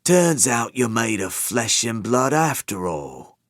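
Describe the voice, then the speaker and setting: A man's voice: mid-range voice, big pitch swings, slow, fairly bright tone, no room sound, full character voice. A man voicing a cold male gang boss in an audiobook, speaking in a dry, unimpressed tone.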